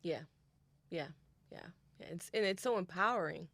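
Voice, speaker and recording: A woman co-hosting a podcast, telling stories in an animated way and repeating her phrases in casual chat. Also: fairly low pitch, normal speed, no echo. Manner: animated storytelling, repeats phrases, spiritual talk. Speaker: podcast co-host.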